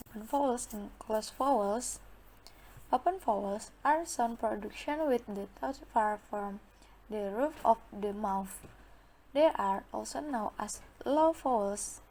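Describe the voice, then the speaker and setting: A woman's voice: on the high side, warm tone, rough recording. A young woman giving a student presentation, carefully explaining. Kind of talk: classroom presentation.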